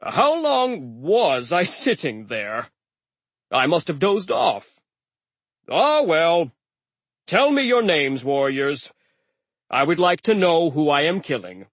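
A man doing a rumbling stone giant. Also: big pitch swings, slow pace, pauses often, fairly bright tone, no room sound, full character voice. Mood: cheerfully menacing. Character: cheerful murderous male stone giant. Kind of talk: audiobook character voice.

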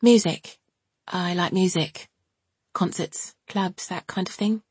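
A woman's voice: on the low side, slow, a little mellow, slightly rough, dry recording, exaggerated voice. A woman voicing a blunt, matter-of-fact teenage girl who answers plainly and offhand.

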